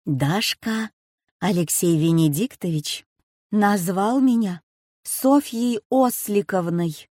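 A woman voicing an elderly grandmother, slow-spoken and sighing, in a storybook reading. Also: mid-range voice, dark tone, dry recording, clean studio sound. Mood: fussing. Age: over 60. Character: grandmother, gentle old teacher, fussing.

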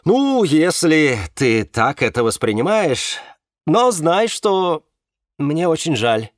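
A man reading an audiobook, voicing a tense man who keeps trying to calm others down. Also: fairly high pitch, takes it slowly, no room sound, studio quality, voice pushed up. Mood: placating. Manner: soothing, persuasive, tense. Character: calm, placating man trying to control the group.

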